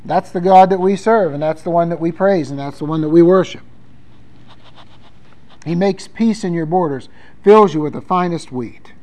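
A man's voice: fairly high pitch, normal speed, warm tone, rough recording. A male pastor delivering a sermon, talking conversationally and reading scripture aloud with emphasis.

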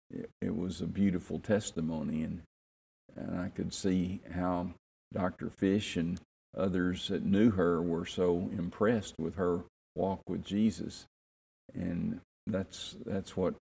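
A man, reminiscing earnestly in an interview, pausing and repeating himself. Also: low voice, creaky, mellow, husky. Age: 70s. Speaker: interviewee, minister.

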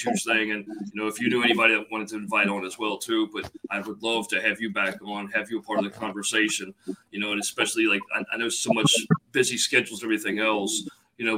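A man's voice: lowish voice, background noise. A man hosting a live video-call show, chatting casually and repeating words as he gathers his thoughts. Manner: halting, repeats words while thinking aloud. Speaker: livestream show host. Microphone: computer mic on video call.

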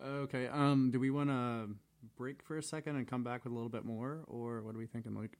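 A young man co-hosting a casual podcast, making jokes in quick banter. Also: mid-range voice, level tone, a little mellow, dry recording. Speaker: podcast co-host. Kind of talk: casual chat.

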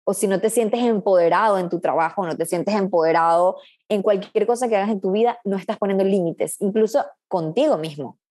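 A woman's voice: mid-range voice, fairly quick, a little mellow. A woman coach, a guest in a casual interview, talking in an earnest, reflective way with frequent restarts.

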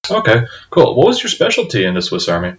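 A man's voice: medium pitch, wildly swooping pitch, fast talker, fairly bright tone, a little hiss or hum. A man hosting a podcast, talking in a friendly, loose way with many uhs and restarts. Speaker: podcast host. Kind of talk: casual interview hosting. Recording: dull lo-fi audio.

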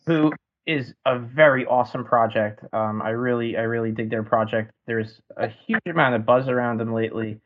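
A man hosting a casual interview, relaxed and rambling with frequent "um" and restarts. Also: medium pitch, normal speed, phone-quality sound. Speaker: podcast host.

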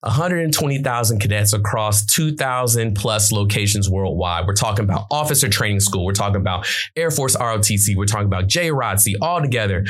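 A man hosting an interview show as a military captain, talking in an emphatic, promotional hype-man style. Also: lowish voice. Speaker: podcast host, military captain.

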